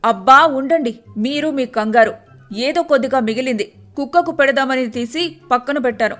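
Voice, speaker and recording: A woman's voice: high voice, normal speed, a bit bright, soft background music. A woman voicing a timid, put-upon wife who answers her husband with mild exasperation. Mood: exasperated. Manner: exasperated, complaining.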